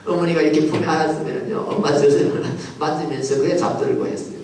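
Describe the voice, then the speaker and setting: Animated pastor in an echoing hall. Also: male voice, on the high side, fast, background noise. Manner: animated storytelling, acts out voices. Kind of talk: sermon with childhood story. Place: large church hall. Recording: echoey hall from far off.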